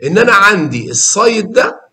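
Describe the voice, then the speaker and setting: An Egyptian man teaching a math class with a lively, coaxing manner. His voice sits a little high and swings widely as he repeats key words and quizzes his students. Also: quick pace, roomy sound. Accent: Egyptian Arabic. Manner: animated, coaxing students with questions and repetition.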